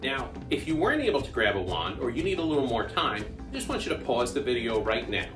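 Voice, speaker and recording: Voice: mid-range voice, sing-song, fast talker, reverberant, over music. A children's magician hosting an interactive party-style magic show, exclamatory and playful, coaxing young viewers into call-and-response.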